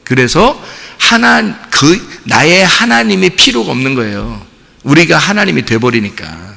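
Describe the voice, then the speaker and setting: A man's voice: a little high, sing-song, unhurried, gravelly, bright, forceful tone. A man preaching a sermon as a pastor in a church, talking conversationally and asking the congregation questions. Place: church sanctuary. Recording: long hall reverb.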